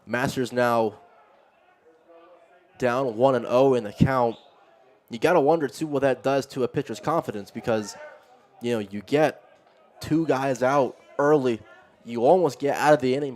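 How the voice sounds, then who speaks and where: A man giving live baseball play-by-play, narrating each pitch conversationally as it happens. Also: moderate pace, long pauses. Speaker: play-by-play commentator.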